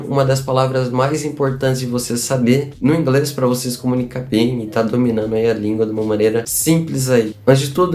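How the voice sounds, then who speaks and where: A Brazilian man giving a casual online English lesson, upbeat and chatty, slowly repeating examples. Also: mid-range voice, mellow. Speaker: English teacher.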